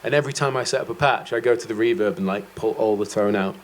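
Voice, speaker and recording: A man's voice: fairly low pitch, fast talker, slight background noise. A man giving a guitar masterclass, talking casually and rambling a little, with self-deprecating jokes. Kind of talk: casual explanatory chat.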